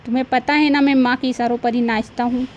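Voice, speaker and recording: A woman's voice: fairly high pitch, steady tone, fast, highs cut off, slight background noise, natural voice. A woman voicing a grown son in a cartoon, speaking in a firm, stern manner. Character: grown son, firm and loyal to his mother.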